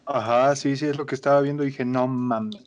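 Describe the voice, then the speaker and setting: A man's voice: medium pitch, little pitch movement, quick pace, muffled recording. A man with a Mexican Spanish accent, co-hosting a casual chat and sharing trivia. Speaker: podcast co-host.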